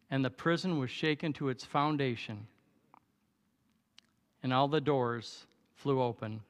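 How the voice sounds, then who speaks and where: Backed by music and the reverb of a large church hall, a pastor aged seventy uses his mid-range voice to exhort the congregation. His sermon and altar call are full of repeated declarations of thanks and praise, punctuated by shouted praise.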